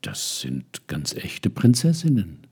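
Man reading storybook magician in tailcoat, knowing, calm, deep husky voice. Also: slow, exaggerated voice.

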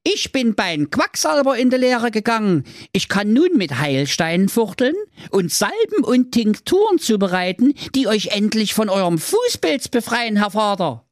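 A man's voice: sits high, very animated, normal speed, few pauses, dry recording, studio quality, voice pushed up. A man doing a cheeky young quack son. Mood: cocky.

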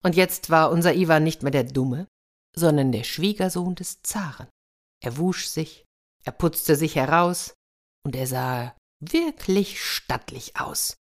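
A woman narrating a fairy tale for an audiobook in a lively way, speaking to her listeners. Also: deep voice, a little slow. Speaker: storyteller.

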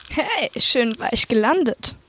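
A woman's voice: sits high, expressive, slow pace, fairly bright tone, full character voice. A girl playing a mocking, boastful bully in a children's radio play.

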